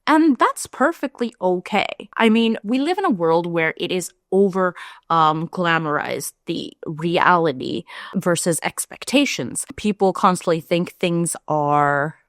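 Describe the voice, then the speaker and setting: Young woman from India, casual vlog talk, candid, chatty, slightly low voice, dry close mic. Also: unhurried, no echo. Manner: chatty and candid, lively rises in pitch. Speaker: vlogger.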